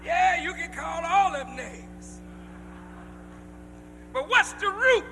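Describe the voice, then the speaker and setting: A male preacher delivering a sermon to a congregation in a large hall, speaking emphatically with drawn-out phrases that rise to shouts. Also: very high-pitched, expressive, faint music behind. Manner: addresses the congregation directly. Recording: long reverb of a large hall.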